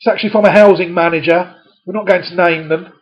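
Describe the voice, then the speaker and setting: Guy reading out a letter and mocking it as he goes, voice a bit on the high side, muffled lo-fi sound. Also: steady tone, fast talker. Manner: sarcastic, scoffing asides. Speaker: community media presenter. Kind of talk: reading a letter aloud with running commentary. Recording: dull lo-fi recording.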